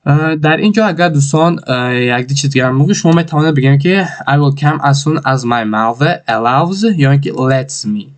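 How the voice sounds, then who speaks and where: A man with a Tajik accent teaching an English lesson, repeating each phrase slowly word by word. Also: medium pitch.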